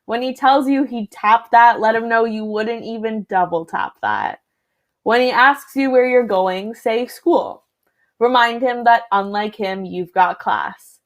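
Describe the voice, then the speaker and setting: A woman's voice: on the high side, unhurried. A woman performing spoken word poetry at a slam, with a punchy, sardonic delivery that drops sharply on each punchline. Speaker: slam poet.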